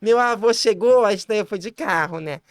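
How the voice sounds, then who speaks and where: A woman guest on a podcast, telling a story in a lively, laughing way, full of quick restarts and high-pitched quoted voices. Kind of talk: casual storytelling chat.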